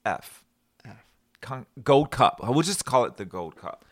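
Dry-humored man, expressive pitch. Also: slow pace, no echo. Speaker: podcast co-host. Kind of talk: casual chat.

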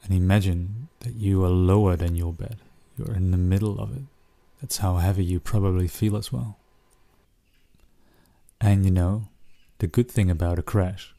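A man narrating a soothing guided relaxation like a sleep story, speaking gently in short phrases with long pauses. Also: deep voice, no echo.

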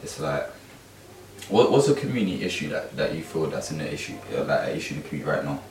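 A man's voice: extremely low pitch, big pitch swings, fast. A man with a London accent chatting casually in emphatic street slang, like a youth mentor. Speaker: youth mentor and course teacher. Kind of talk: casual chat. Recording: roomy, distant mic, faint background noise.

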